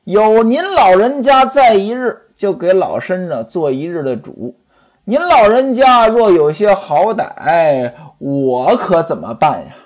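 A man's voice: high-pitched, sing-song, slow pace, darkish tone, voice pushed up, full character voice. A male storyteller voicing a humble old servant woman who weeps. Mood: mournful.

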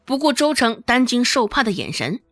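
A woman tells a serialized novel as an audiobook, with a fairly high voice that moves lively up and down. The sound is dry and close. Faint background music plays under her narration. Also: normal speed, no echo. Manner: lively storytelling, voicing every character.

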